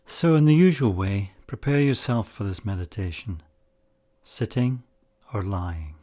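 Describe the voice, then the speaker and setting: A man with a fairly low voice leads a guided meditation. He speaks slowly and calmly, leaving long pauses between his phrases. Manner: slow, calm, measured delivery with long pauses.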